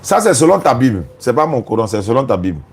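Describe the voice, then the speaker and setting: A man's voice: medium pitch, very animated, quick pace, background noise. A man arguing in a heated interfaith debate, repeating mocking taunts at his opponent.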